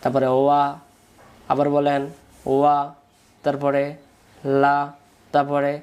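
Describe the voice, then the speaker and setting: A man's voice: medium pitch, completely flat delivery, slow, a little mellow, clear, resonant tone. A man with a Bangladeshi Bengali accent teaching Quran recitation rules, patiently drilling syllables and asking his pupils to repeat after him. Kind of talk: spoken lesson with call-and-repeat drills.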